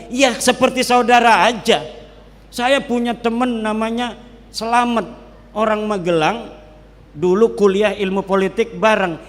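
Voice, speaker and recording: Man, cleric lecturing in a large hall, high voice, joking, long hall echo. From Banten, Indonesia. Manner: joking, lively, drops into regional dialects. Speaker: Islamic cleric speaking at a public gathering. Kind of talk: public religious lecture.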